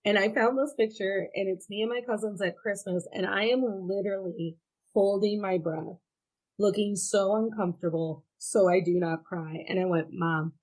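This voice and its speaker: A woman's voice: medium pitch, moderate pace, a little mellow, poor audio. A woman in her thirties from Ohio, a podcast guest telling frank personal stories in casual chat with wry laughs. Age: 30s.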